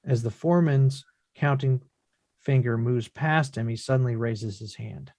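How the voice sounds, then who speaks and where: This man narrates a play's stage directions in a deliberate, descriptive manner, his voice sitting in a middle pitch with a darkish tone. The recording is dry, with no room sound to speak of.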